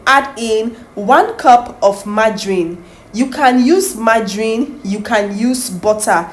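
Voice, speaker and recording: Woman, baking tutorial host, slightly high voice, chatty and repetitive, checks in with viewers often. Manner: friendly, repetitive, asks viewers "do you understand?".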